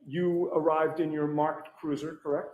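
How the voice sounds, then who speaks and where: A man's voice: on the high side, flat delivery, moderate pace, phone-quality sound. A man questioning a witness as defense attorney, firing pointed leading questions that end in "correct?". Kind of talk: courtroom cross-examination. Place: courtroom. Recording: echoey courtroom.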